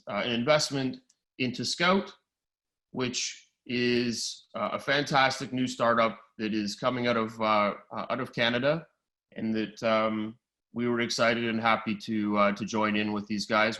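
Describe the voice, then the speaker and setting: Guy hosting a zoom chat, lots of uh and um, mid-pitched voice. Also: pushed and bright. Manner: halting, many fillers. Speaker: webinar host. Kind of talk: introducing a live online chat.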